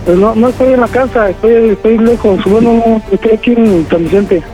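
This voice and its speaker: A man's voice: high-pitched, brisk, warm tone, soft background music, rough recording. A man, pleading and stalling as he helps with a prank call. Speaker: caller helping with a prank.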